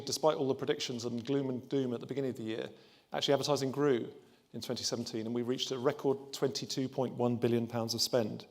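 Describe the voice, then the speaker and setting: A man's voice: mid-range voice, vocal fry. A man, a trade body's chief executive, giving an upbeat welcome speech to open a conference, with a few restarts. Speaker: trade body chief executive opening a summit.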